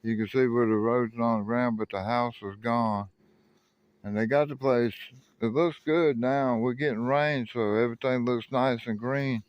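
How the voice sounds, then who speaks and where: A man's voice: mid-range voice, steady tone, normal speed, no echo, dull audio. A middle-aged man from South Carolina, rambling casually as he films by a rural road and railroad, often correcting himself. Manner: folksy, rambling, self-correcting. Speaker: railfan vlogger. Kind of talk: casual outdoor narration. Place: outdoors by a rural highway and railroad.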